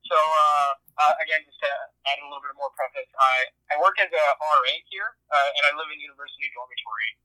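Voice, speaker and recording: A man's voice: on the high side, fast, pushed and bright, no echo, poor audio. A young man calling in to a show, heard over a phone on speaker, chatting casually and rambling with lots of fillers. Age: young adult. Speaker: caller. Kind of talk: casual call-in chat.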